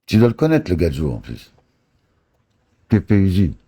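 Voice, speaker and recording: A man telling boastful, crude stories in rough street slang, close to the mic indoors. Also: sits low, huge pitch swings, moderate pace, dark tone. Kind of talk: casual storytelling on a live stream.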